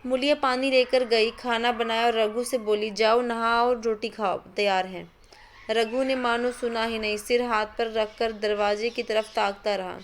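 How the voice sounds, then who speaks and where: A woman reads a classic short story aloud in a steady, measured narration. Her voice sits slightly above the middle for a woman. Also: fairly high pitch, a little hiss or hum. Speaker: story reader.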